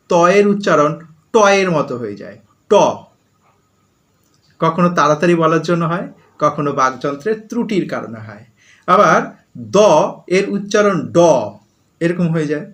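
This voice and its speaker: A man's voice: fairly high pitch, a bit bright. A man teaching a grammar lesson to school students, explaining step by step and repeating key phrases with examples.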